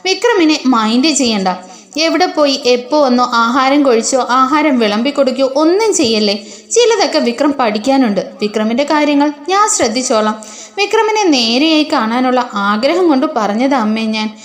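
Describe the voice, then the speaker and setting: A woman's voice: high-pitched, expressive, moderate pace. A woman voicing a firm, teasing young wife in a retold story. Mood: earnest. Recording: roomy echo.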